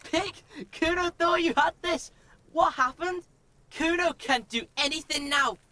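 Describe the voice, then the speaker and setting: A woman's voice: a little slow, sharp tone. A woman voicing a volatile, foul-mouthed teenage boy in a video game, who talks about himself in the third person and mocks and screams at others. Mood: sulking mockery. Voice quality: shrill, screaming.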